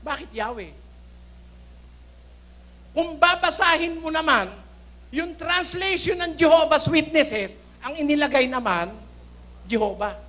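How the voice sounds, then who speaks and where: A man preaching in a Filipino accent, forceful and indignant, firing rhetorical questions at his congregation. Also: extremely high pitch, expressive, a little slow, pauses often. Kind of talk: Taglish sermon with Bible readings.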